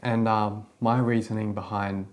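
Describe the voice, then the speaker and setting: A man with a somewhat low voice chats casually as a co-host. He rambles along with plenty of fillers. He sounds relaxed and unscripted. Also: unhurried. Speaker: filmmaker and co-host. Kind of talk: casual chat.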